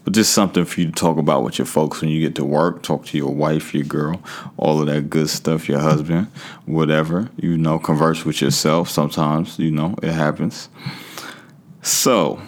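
A man's voice: very deep voice, fairly even intonation, normal speed. A man hosting a podcast solo in a casual, slangy, conversational way, talking straight to his listeners. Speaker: podcast host.

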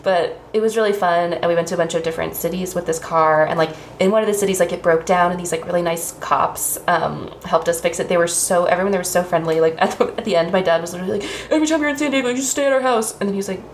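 A woman's voice: lowish voice, quick pace, hardly any pauses. A woman in her twenties, a stand-up comedian, telling casual stories with plenty of swearing. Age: 20s. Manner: chatty storytelling, swears freely. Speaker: podcast guest, stand-up comedian. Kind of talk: casual chat. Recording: echoey room with faint noise.

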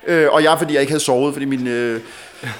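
A male podcast guest telling a story in a casual, animated way, often repeating words and stumbling as he gets excited. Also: medium pitch, a little hiss or hum.

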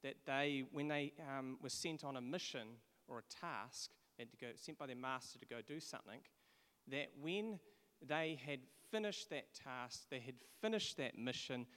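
A man from England delivering a sermon in an earnest, conversational way, often restarting his sentences. His voice sits at an ordinary pitch for a man. It carries a long reverb, as if recorded in a large church hall. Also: moderate pace, fairly bright tone, clean tone. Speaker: preacher.

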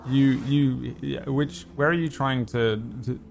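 A man narrating a tabletop game as game master, haltingly searching for words. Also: mid-range voice, steady tone, gravelly.

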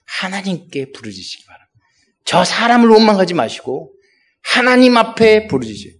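A man's voice: high-pitched, sing-song, fairly quick. A male pastor delivering a sermon, rising into exhortations and acting out quoted speech.

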